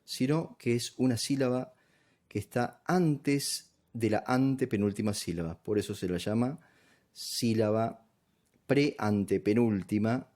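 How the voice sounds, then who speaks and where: A man teaches a grammar lesson. He explains patiently, one step at a time, pausing to ask if the listener is following. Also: lowish voice, warm tone. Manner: patient, step-by-step, checks understanding with "¿sí?".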